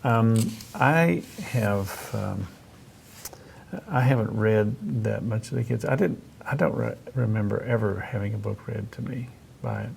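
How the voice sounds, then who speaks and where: Middle aged guy doing a chatty interview, creaky low voice, bit of rumble behind him. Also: measured pace, darkish tone. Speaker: host interviewing about reading aloud to children. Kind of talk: casual conversational interview.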